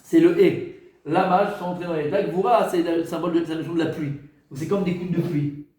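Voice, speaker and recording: A man leads a class as a rabbi, asking the room questions and answering them himself. His voice sits fairly high. The sound rings in an echoey room. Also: fairly even intonation, brisk, a little mellow. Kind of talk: lively classroom teaching.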